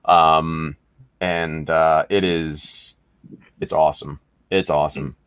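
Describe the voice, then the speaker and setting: A man's voice: very deep voice, level tone, slow pace, fairly bright tone, clean tone, no room sound. A man co-hosting a casual hobby podcast, chatting enthusiastically and rambling with many fillers. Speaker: podcast co-host. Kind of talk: casual chat.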